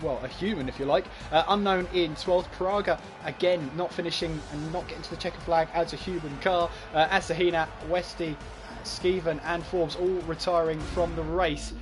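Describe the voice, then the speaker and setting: A man's voice: a little high, steady tone, normal speed, hardly any pauses, music in the background. A man hosting esports race commentary, talking in a chatty, breathless way with frequent fillers. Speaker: lead commentator and host.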